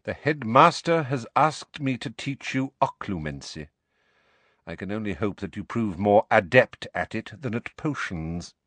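A man voicing a cold, sneering middle-aged male professor who speaks slowly and with contempt. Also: lowish voice, animated, a bit bright, no room sound. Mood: contemptuous. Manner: slow, contemptuous, clipped.

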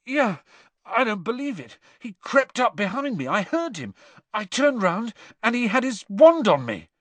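A man voicing a shaken but brave teenage boy wizard, panting, with a high, strained voice. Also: very animated, moderate pace, fairly bright tone, no echo.

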